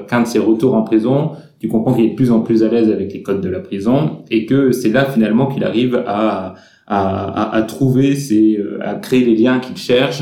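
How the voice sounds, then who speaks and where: A man hosting a casual film discussion, measured and explanatory. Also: lowish voice, warm tone, roomy sound. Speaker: host.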